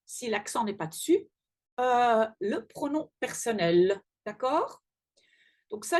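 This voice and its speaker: A woman teacher explaining a language lesson in a chatty way, with many pauses and fillers. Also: medium pitch, darkish tone, breathy edge. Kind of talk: casual language lesson video.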